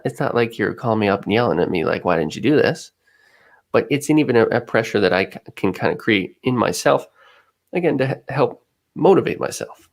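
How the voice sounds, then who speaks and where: A man co-hosting a podcast, talking things through in a thoughtful, musing way as he searches for the right words. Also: lowish voice. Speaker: podcast co-host. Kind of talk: casual podcast chat.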